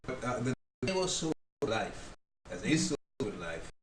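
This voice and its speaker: A man guest, a playwright, speaking calmly and plainly in a casual chat. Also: mid-range voice, moderate pace. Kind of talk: casual talk show chat. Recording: echoey room, distant mic, audible noise.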